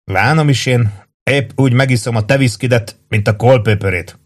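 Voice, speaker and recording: A man reading aloud and voicing a glum young soldier who answers quietly and sadly. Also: medium pitch, close to an everyday voice.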